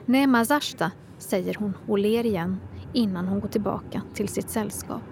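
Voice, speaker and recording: Woman, mid pitch, gravelly texture; calm, measured literary reading over audible vehicle rumble. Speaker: reader of her own prose. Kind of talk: literary first-person reading.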